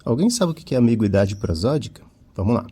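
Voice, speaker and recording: A man teaching a Spanish lesson, a Portuguese speaker who mixes both languages and slowly repeats each example word. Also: medium pitch, sing-song, dark tone, husky. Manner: slow, deliberate, repeats example words; switches between Portuguese and Spanish. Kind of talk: classroom-style lesson.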